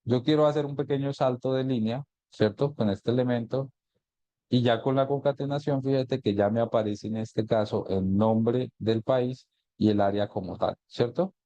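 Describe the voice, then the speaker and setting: Male instructor in a live online lesson, mellow tone, patient step-by-step explaining, dry recording. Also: mid-range voice, steady tone, moderate pace, no room sound, muffled recording. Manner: explains step by step, often asks "¿cierto?". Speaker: GIS instructor. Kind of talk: live online class, screen-share tutorial.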